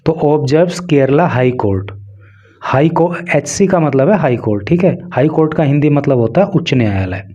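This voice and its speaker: A man's voice: a little high, animated, normal speed, mellow, lo-fi sound. A man with a Hindi accent teaching English through a newspaper, reading phrase by phrase and explaining each word's meaning in Hindi. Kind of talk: line-by-line newspaper translation lesson.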